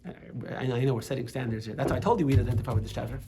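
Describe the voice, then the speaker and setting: A man's voice: mid-range voice, very fast, warm tone, a little hiss or hum. A man teaching a religious class as rabbi, chatty and full of restarts and asides. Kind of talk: Torah lesson with casual storytelling. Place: classroom with students.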